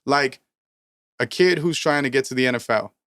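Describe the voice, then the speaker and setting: A thirty-year-old rapper co-hosting a casual podcast delivers preachy motivational rants full of swearing, pushing his point hard. His mid-range voice is steady, smooth and resonant at a moderate pace, captured on a dry close mic.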